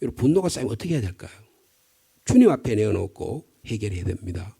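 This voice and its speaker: A man's voice: fairly low pitch, big pitch swings, fast talker, vocal fry, mellow, husky. A middle-aged male pastor from the Gyeongsang region with a Gyeongsang accent, preaching an early-morning sermon in a conversational, storytelling way with rhetorical questions. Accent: Gyeongsang Korean. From Gyeongsang region, Korea.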